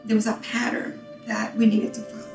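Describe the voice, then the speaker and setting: A woman, giving measured, sober testimony as an interviewee. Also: fairly high pitch, monotone, vocal fry, distant mic, faint music behind. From Honduras. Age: 40s. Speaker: abuse survivor interviewee. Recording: roomy, from off-mic.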